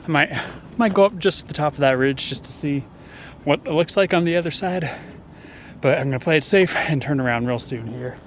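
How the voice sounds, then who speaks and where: A man's voice: a little high, fairly quick, a little hiss or hum. A man chatting casually to the camera while hiking up a desert mountain trail, a bit out of breath. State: out of breath from walking uphill. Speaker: nature vlogger. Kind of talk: casual hiking vlog narration.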